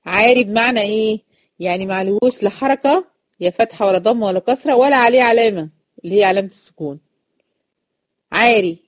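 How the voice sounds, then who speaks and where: A woman's voice: fairly high pitch, a little mellow, no echo. A woman with an Egyptian accent teaching a Quran recitation lesson to female students, chatty, repeating each rule and checking if they follow. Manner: chatty, explains by repeating rules and asking quick check questions.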